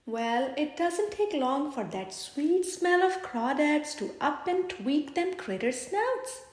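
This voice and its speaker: A woman reading a bedtime story aloud in an animated, dramatic way. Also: high-pitched, takes it slowly. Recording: echoey room.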